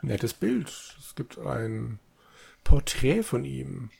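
Gravelly man chatting while playing a game. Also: mid-range voice, sing-song, slow, dark tone. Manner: chatty, typing commands aloud. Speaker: player. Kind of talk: casual let's-play chat.

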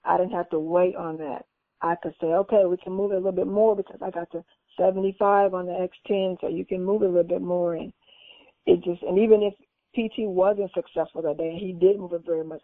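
Lively woman telling her story over a tinny line. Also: fairly low pitch, no echo. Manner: animated, acts out quoted dialogue in a raised voice. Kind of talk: casual conversational storytelling. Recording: tinny phone-line audio.

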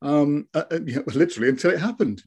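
A man's voice: a little high, fast, a little mellow, husky. A man in his early fifties giving a reflective personal account as an interview guest, speaking in an earnest, matter-of-fact way. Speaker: interview guest, stroke survivor.

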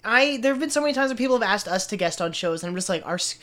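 A woman's voice: fairly high pitch, expressive, very fast, a bit bright. A woman co-hosting a fan podcast, chatting casually and enthusiastically in a millennial way, often saying "like". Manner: casual millennial speech, peppered with "like". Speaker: podcast co-host.

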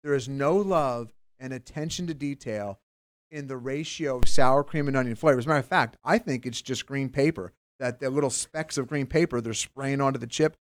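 A man's voice: medium pitch, moderate pace, no echo. Emphatic man chatting on a podcast. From Pennsylvania. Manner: animated, emphatic, restarts a lot. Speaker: podcast co-host. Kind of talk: casual chat.

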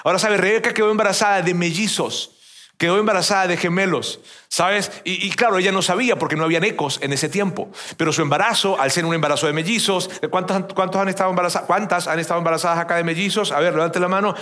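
A man in his fifties, a pastor from Venezuela, preaches to a church congregation in a loose, chatty way. His voice sits high for a man. He stumbles over and repeats words and keeps turning to the listeners with little questions. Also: quick pace, sharp tone. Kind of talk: conversational sermon.

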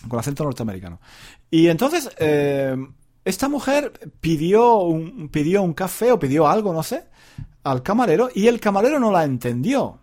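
A man's voice: on the high side, sing-song, normal speed, a little mellow. A man from Spain hosting a podcast alone, in a rambling, self-correcting casual monologue full of rhetorical tags and restarts. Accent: Spain Spanish. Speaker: podcast host.

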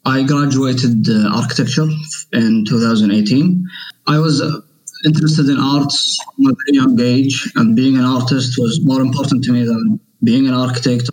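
Man, from Saudi Arabia, guest artist, measured, pausing. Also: mid-range voice, fairly even intonation, a little mellow, low-quality recording. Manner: measured, thoughtful, with pauses. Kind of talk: interview conversation.

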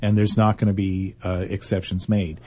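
A man's voice: sits low, level tone, normal speed, warm tone, breathy edge. A male radio show host giving firm, opinionated business advice in a chatty talk-show style.

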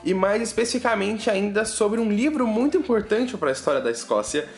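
Joking around with his audience, a man with a Brazilian Portuguese accent hosts a relaxed science news podcast. His voice sits high, with lively intonation and a slightly quick delivery, and the sound carries a roomy echo over faint music.

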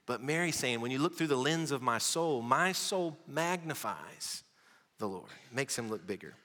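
A male pastor, preaching a sermon with storytelling, dramatic pauses and humor. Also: medium pitch, expressive, fairly bright tone. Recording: long hall reverb.

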